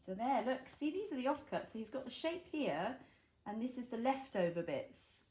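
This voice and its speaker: A woman's voice: fairly high pitch, sing-song, moderate pace, darkish tone. A woman reading a picture book aloud to a young child, adding chatty, encouraging asides and questions. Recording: roomy echo, clear background noise and clicks.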